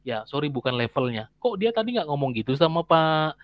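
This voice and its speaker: A man's voice: on the high side, very animated, a little fast, no room sound, highs cut off. Chatty man with a dry sound. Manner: chatty, searching for words. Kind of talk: casual commentary.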